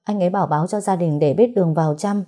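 Một phụ nữ đóng vai cô vợ trẻ hoảng hốt, nói nghẹn ngào, van nài. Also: female voice, lowish voice, very fast, dark tone, lightly acted. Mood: panicked. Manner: pleading, breathless. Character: panicked young wife, tearful and pleading.

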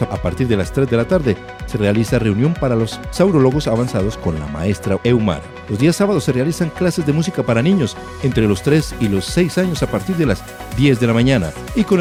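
A man hosting a radio show, reading announcements and respectfully interviewing a guest. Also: medium pitch. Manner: respectful, addresses guest as "madre". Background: music.

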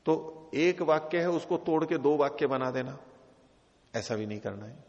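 A man's voice: fairly high pitch, lively intonation, moderate pace. A man teaching scripture, explaining patiently with repeated rephrasing and worked examples. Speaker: teacher of philosophy. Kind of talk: scripture lecture. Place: teaching hall of a religious retreat. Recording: dull, echoey hall recording.

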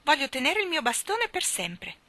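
A woman's voice: high-pitched, sing-song, normal speed, bright, forceful tone, dry recording, pitched above the performer's own voice, heavily acted. Woman voicing Jane, an earnest little girl. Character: young girl, earnest and pleading.

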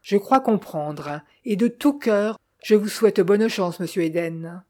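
Fields: Figure: woman reading as an elderly lady doctor. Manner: courteous, measured. Tone: mellow. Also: mid-range voice, close to an everyday voice. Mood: earnest. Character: elderly woman doctor, kind but insistent.

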